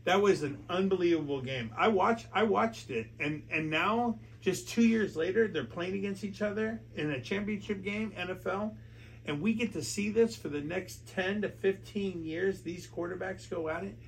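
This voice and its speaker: Man, American accent, drunk, higher voice, emphatic sports talk, stumbles and repeats himself, noisy background. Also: normal speed. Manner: emphatic, repetitive, stumbling over words. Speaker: sports talk show host. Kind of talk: casual sports chat. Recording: clear background noise.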